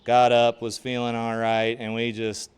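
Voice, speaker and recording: Smooth-voiced man in his forties, rambling. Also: mid-range voice, monotone, a little slow. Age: 40s. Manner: rambling, self-deprecating, chatty. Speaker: golf simulator vlogger. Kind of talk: casual play-along commentary. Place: home golf simulator enclosure.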